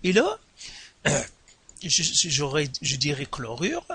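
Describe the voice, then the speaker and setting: A man teaching a class in a lively, bright voice that is a touch husky. He talks slowly and deliberately, stressing every term and repeating key words, with big leaps in pitch. The sound is dry and close. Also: no echo. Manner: slow, deliberate, repeats terms and stresses syllables, pitch jumps. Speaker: science teacher. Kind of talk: classroom lesson explaining at a board.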